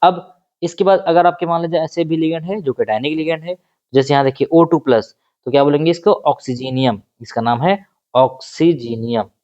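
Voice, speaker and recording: A man teaches chemistry for an exam, his voice sitting a little high. He keeps asking the class questions, answers them himself, and repeats each new term with English phrases mixed in. The recording is dull and lo-fi. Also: a little fast, a little mellow. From India. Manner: repeats key terms, mixing Hindi and English. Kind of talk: exam-prep lecture.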